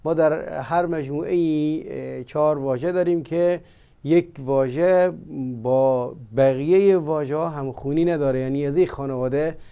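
A man teaching vocabulary in a language lesson, explaining slowly with many pauses and fillers. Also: on the high side, mellow, clean tone, dull audio. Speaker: Arabic teacher. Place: studio.

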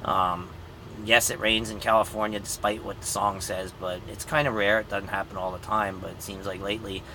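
Recorded on a phone held at arm's length in his truck cab, a man in his fifties, a truck driver and grandfather, gives viewers a casual vlog update and mentions being tired. His fairly low, level-toned voice moves fairly quickly, rambling easygoingly with plenty of ums over a noisy background.

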